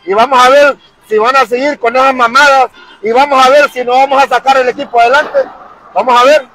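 A man's voice: extremely high pitch, fairly even intonation, brisk, sharp tone, dry recording, poor audio. A man with a Honduran accent ranting as a football fan vlogger, fired-up and crude, repeating himself. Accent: Honduran Spanish. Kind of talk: angry fan rant to camera.

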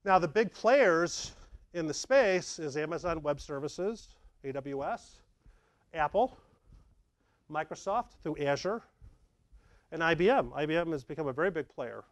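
A middle-aged tech presenter with a fairly high voice speaks unhurriedly, leaving long pauses, yet stays lively and conversational as he acts out scenes for the audience. It's a meetup slide presentation in a dark room with a projector, with no echo.

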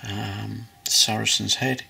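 A man's voice: lowish voice, fairly even intonation, slow, gravelly, pushed and bright, breathy edge. A man casually narrating a model-building tutorial at his workbench, rambling and hesitant with many ums and restarts. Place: hobby workbench indoors.

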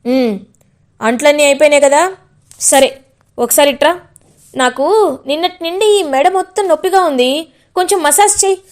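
A woman's voice: high-pitched, brisk, pauses often, lightly acted. A woman voicing an arrogant, mocking older male boss in a retold serial. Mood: bossy. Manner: mocking, bossy.

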